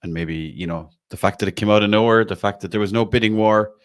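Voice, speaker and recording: A man's voice: fairly low pitch, quick pace, clear, resonant tone. An Irish man hosting a fan podcast, chatting casually about football with lots of "like" and the odd swear. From Ireland. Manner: chatty, says "like" a lot. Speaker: podcast host.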